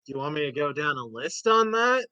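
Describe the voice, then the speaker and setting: A man's voice: a little high, sing-song, a little fast, bright, forceful tone, clear, resonant tone, no echo, dull audio. A man hosting a casual talk show, rambling through game lore with plenty of fillers and restarts. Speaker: host. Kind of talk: casual podcast chat.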